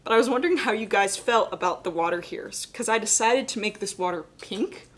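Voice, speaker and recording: A woman's voice: mid-range voice, brisk. Young woman art teacher, casual chatty live painting demo, says like a lot, voice a bit cracky. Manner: casual, chatty explaining with many "like" and "kind of". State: voice cracking slightly. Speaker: painting instructor.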